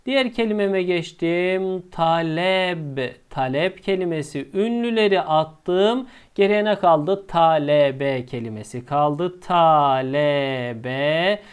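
A male teacher explaining a lesson step by step, asking himself questions and answering them, and drawing out the key words slowly. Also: fairly high pitch, clear, resonant tone.

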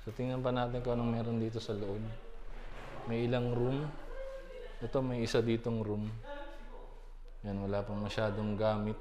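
A man in his thirties chatting casually through a walking tour of a small building, with many fillers and pauses, filmed on a handheld phone. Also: medium pitch, flat delivery, a crowd in the background. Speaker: vlogger giving a tour. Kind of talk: casual vlog tour narration. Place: small empty building, indoors and street. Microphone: phone camera held at arm's length.

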